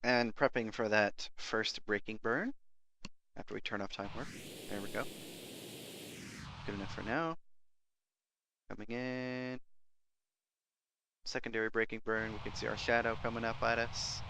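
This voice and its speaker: A man's voice: on the low side, measured pace, pauses often, sharp tone, low-quality recording. A man giving casual running commentary on his game, talking to himself and his character. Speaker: gameplay video host.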